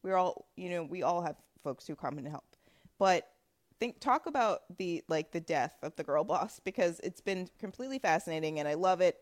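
Woman host, casual interviewer, lower register, loose and talkative. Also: animated, moderate pace. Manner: chatty, frequent fillers and laughs. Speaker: podcast host. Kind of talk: casual conversation.

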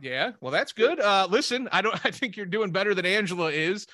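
A man hosting a combat sports podcast, delivering an energetic, hyped introduction. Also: high-pitched, brisk, no echo, studio quality. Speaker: podcast host. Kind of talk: upbeat show hosting. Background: music.

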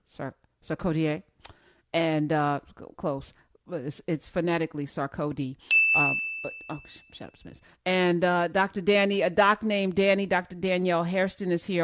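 A woman with a fairly low voice hosts a call-in radio program, trading light jokes with her guests. Her studio microphone gives a close, dry sound with no room echo. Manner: playful, joking asides. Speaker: radio call-in show host. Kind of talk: casual radio chat.

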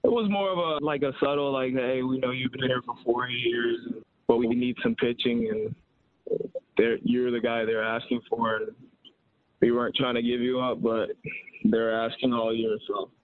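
Laid-back young guy from the bahamas, flat voice, phone-line sound. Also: medium pitch, normal speed, no echo. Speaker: guest, baseball player. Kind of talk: casual interview.

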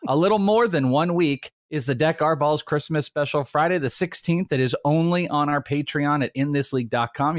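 A man's voice: fairly high pitch, no echo, studio quality. A man hosting a podcast with casual, slangy, teasing banter. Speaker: podcast host.

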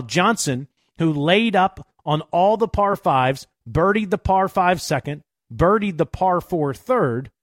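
A man's voice: a little high, dry recording, clean studio sound. A man narrating a golf tournament recap as a show host.

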